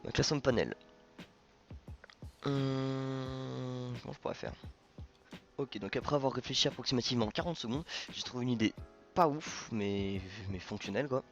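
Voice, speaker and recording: A man's voice: medium pitch, normal speed, long pauses, highs cut off, faint music behind. A man hosting a programming tutorial, thinking aloud informally with many fillers and self-corrections. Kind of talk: casual coding screencast narration.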